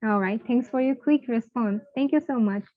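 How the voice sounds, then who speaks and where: Over a video call with narrow, tinny audio and no echo, a woman whose first language is Bengali leads an online English pronunciation drill. Her voice is a little high; she speaks slowly and encouragingly, switching between Bengali and English and repeating words so students can practice.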